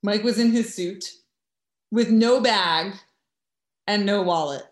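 A woman from New York telling a lively story in casual chat, acting out what others said. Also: medium pitch, slow pace. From United States. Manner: animated, acts out quoted voices. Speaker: guest. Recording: echoey room.

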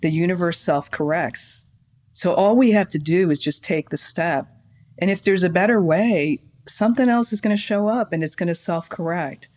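A woman guest on a podcast, talking in a calm, flowing way about spiritual practice and gently guiding listeners through a meditation. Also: fairly low pitch, moderate pace. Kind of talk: conversational podcast interview.

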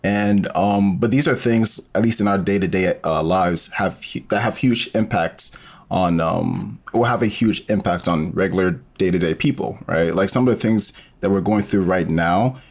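An audio drama maker speaks at normal speed in a deep voice as a podcast guest. The interview is relaxed, and he rambles, leaning on lots of fillers.

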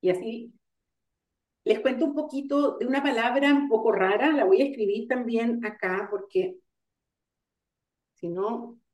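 A woman giving an online lecture on coaching, explaining ideas step by step and pausing with fillers to gather her thoughts. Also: a little high, a little mellow. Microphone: video call. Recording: roomy sound, far from the mic.

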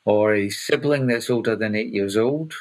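A Scottish man in his fifties, a coach co-hosting a podcast, explaining ideas in a casual, halting way with repeated words. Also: fairly low pitch, a little mellow, low-quality recording. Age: 50s. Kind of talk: casual conversational podcast chat.

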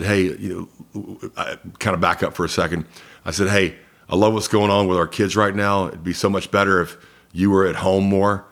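This American-accented man, in his fifties and from Columbus, Georgia, in the United States, announces sports and is chatting casually as an interview guest. His voice is lowish and a bit bright.

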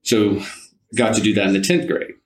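In a low-quality recording, a man with a lowish voice talks at normal speed, reminiscing conversationally as an interview guest. He's in his 50s, from the United States with ties to Alabama and California, and rambles, circling back to rephrase himself.

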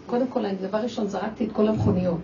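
A woman's voice: mid-range voice, gravelly. An older woman giving an emotional religious talk to a group, exclaiming and acting out her own scolding of children. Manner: animated, exclaiming, acts out quoted scolding. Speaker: speaker addressing a women's audience. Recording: distant, dull lo-fi with faint noise.

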